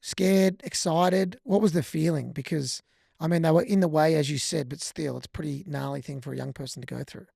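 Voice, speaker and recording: A man's voice: a little high, a little fast, creaky, a little mellow, breathy edge, dry recording, clean studio sound. A man co-hosting a podcast, chatty and joking, poking fun at himself between questions. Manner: joking, chatty, self-mocking. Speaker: podcast co-host. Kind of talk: casual interview conversation.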